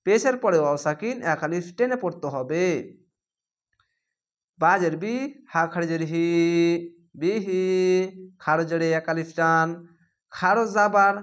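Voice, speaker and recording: Spelling each word one letter at a time and stretching out the recitation slowly, a Quran reading teacher speaks with a Bangladeshi Bengali accent. His voice sits slightly high and has some brightness.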